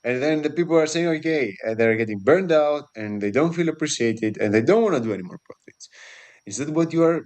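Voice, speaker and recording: A man's voice: fairly high pitch, expressive, fairly quick, a little mellow. A man hosting a casual interview, often summing up the guest's points and adding his own. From Greece. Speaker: podcast host.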